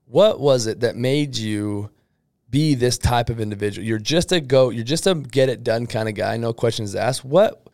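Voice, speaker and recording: A man's voice: mid-range voice, normal speed, darkish tone, dry recording, studio quality. A man hosting a casual interview, upbeat and effusive, rambling a little as he introduces his guest. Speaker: podcast host interviewing an employee.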